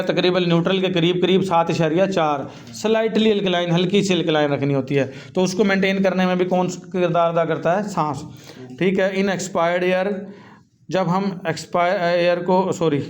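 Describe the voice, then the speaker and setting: A man with a slightly raised pitch gives a classroom lecture. He reads English sentences slowly, then explains them in a tinged way of speaking. He keeps addressing his students as "beta" and answers his own questions. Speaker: teacher.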